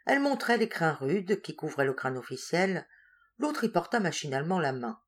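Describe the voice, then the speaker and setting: A woman narrating a literary story in a measured, expressive reading voice. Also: low voice, husky. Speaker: audiobook reader. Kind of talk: scripted narration.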